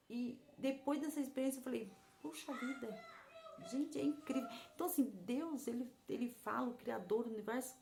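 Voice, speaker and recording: A woman's voice: mid-range voice, gravelly, darkish tone. A woman gives an earnest, emotional personal testimony, repeating herself and speaking straight to her viewers. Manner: earnest, repetitive, addresses viewers as "gente". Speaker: vlogger sharing personal testimony.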